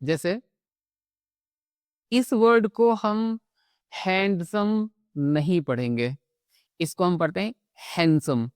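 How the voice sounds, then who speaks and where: A man teaching phonics in a patient classroom manner, pausing often to check in before he moves on. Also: high-pitched, very animated, no echo, clean studio sound. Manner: patient, repeats "theek hai" between points. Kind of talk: classroom-style phonics lesson.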